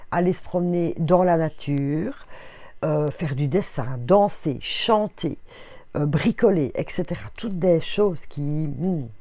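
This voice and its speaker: A woman with a Belgian French accent giving a gentle, unhurried oracle card reading straight to her viewers. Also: low voice, no room sound.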